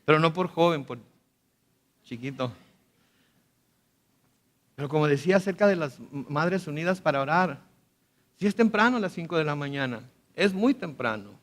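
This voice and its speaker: A male pastor preaching a conversational sermon with animated asides and frequent restarts. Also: a little high, normal speed, long pauses. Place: school auditorium.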